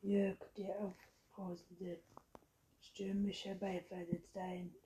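Slow, mellow woman reading a storybook. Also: medium pitch, level tone, slight background noise, low-quality recording. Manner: soft, often whispered reading. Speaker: audiobook narrator. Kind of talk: storybook narration.

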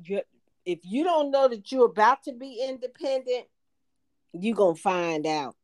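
A woman's voice: a little high, lively intonation, measured pace, a little mellow. A woman co-hosting a casual podcast chat, talking in a teasing way with laughs. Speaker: podcast co-host.

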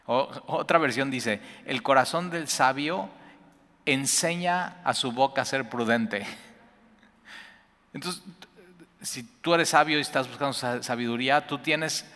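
A man preaching an earnest sermon, repeating words and rising in pitch to stress his points. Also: fairly bright tone. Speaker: pastor. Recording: long hall reverb.

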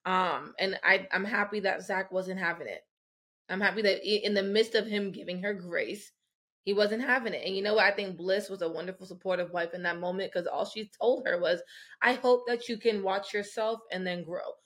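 A woman guesting on a podcast in casual chat, ranting expressively with loud playful outbursts. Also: mid-range voice, moderate pace. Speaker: guest, a listener.

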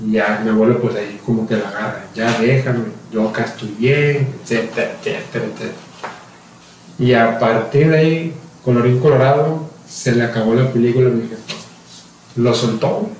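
A man's voice: medium pitch, steady tone, fairly quick, darkish tone. A man with a Mexican Spanish accent relays an anecdote in loose podcast banter, leaning on slang fillers. His voice sits away from the mic in a very echoey room. Faint noise runs underneath. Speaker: podcast co-host. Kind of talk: casual chat. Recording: roomy echo, distant mic, faint noise.

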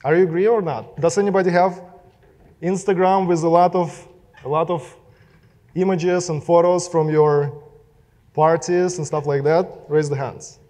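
A man's voice: fairly high pitch, fairly even intonation, normal speed, darkish tone. Russian-accented man talking in a reverberant hall. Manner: casual, direct, addresses audience with questions. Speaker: speaker. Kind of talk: live talk to an audience. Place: hall with a live audience.

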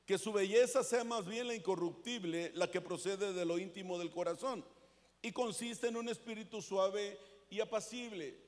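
High-voiced Mexican pastor preaching. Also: male voice, fairly even intonation, moderate pace. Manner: earnest, conversational preaching with calls to the congregation. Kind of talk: sermon. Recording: echoey hall with long reverb.

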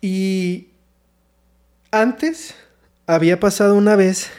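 High-voiced Mexican man telling a story. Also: slow, a little mellow, smooth. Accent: Mexican Spanish. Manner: slangy, swears a lot, acts out quotes. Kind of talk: casual chat.

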